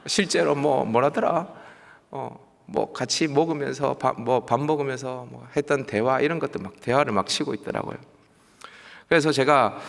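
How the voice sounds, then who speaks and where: Man, Gyeongsang accent, youth pastor sermon, lively swooping pitch, long reverb of a church hall. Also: vocal fry. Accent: Gyeongsang Korean. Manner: animated preaching with emphatic repetition and asides.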